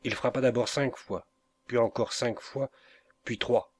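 A man reading a novel aloud as an audiobook, in a slow, measured way. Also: mid-range voice, fairly even intonation. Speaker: audiobook reader. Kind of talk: scripted narration of a novel.

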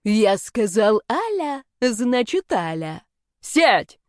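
A woman voicing an arrogant, domineering aging male rector of a magic academy in an audiobook, speaking slowly and haughtily. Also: medium pitch, animated, a little mellow, no echo, studio quality, natural voice. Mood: haughty, menacing. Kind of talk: audiobook character voice.

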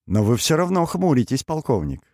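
A man voicing a cheerful, self-assured male king in an audiobook, with a lively, lightly teasing manner. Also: mid-range voice, a little fast, no room sound, clean studio sound, voice pushed up. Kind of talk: audiobook character voice.

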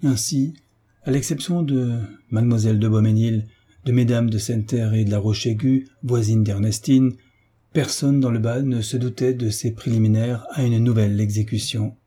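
A man reading a classic novel aloud as narrator, in an even, steady manner. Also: medium pitch, moderate pace, husky. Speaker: audiobook narrator. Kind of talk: scripted literary narration.

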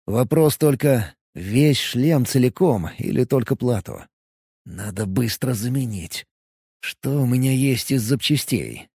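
A man narrating a first-person audiobook in an expressive, lively way. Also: medium pitch, measured pace, slightly rough, dry recording, studio quality.

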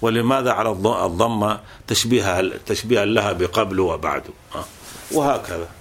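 A man's voice: fairly low pitch, a little fast. A man teaching a classical grammar text, explaining patiently and repeating points with fillers.

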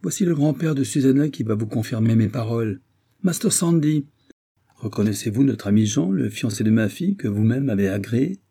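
A man reading aloud as an aged French marquis, grave and measured in an audiobook. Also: medium pitch, expressive, creaky, dark tone, husky. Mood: earnest.

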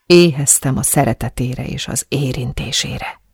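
A woman's voice: rumbling low, vocal fry, darkish tone, breathy edge, no room sound, clean studio sound. A Hungarian woman narrating an erotic love story in the first person, with an intimate, confessional manner. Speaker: audiobook narrator.

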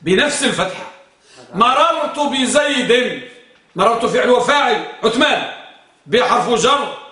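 A man's voice: very high voice, lively intonation, normal speed, bright, forceful tone. A man teaching a grammar class, quizzing his students and repeating their answers. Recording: echoey room, far from the mic.

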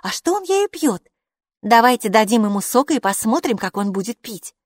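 A small, curious girl in a storybook, voiced by a woman. She asks her questions eagerly, in a raised and lively voice. The sound is close and dry. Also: a little high, moderate pace, no room sound, pitched above the performer's own voice.

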